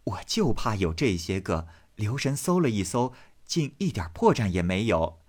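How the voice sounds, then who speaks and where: A man's voice: on the low side, big pitch swings, moderate pace, darkish tone. A man voicing a sly, teasing young maid from a classic novel, speaking with playful mockery.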